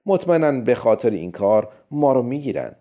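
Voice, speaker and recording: A man voicing a calm, friendly male robotics expert who patiently reasons his case, in a storybook reading. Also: mid-range voice, lightly acted. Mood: calm persuading. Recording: dull lo-fi recording.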